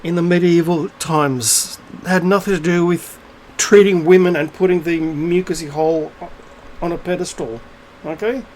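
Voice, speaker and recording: A man's voice: on the high side, steady tone, moderate pace, few pauses, a little mellow, a little hiss or hum, rough recording. A middle-aged man in an unscripted, ranting video monologue, blunt and profane, rambling with many fillers and restarts. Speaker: video blogger.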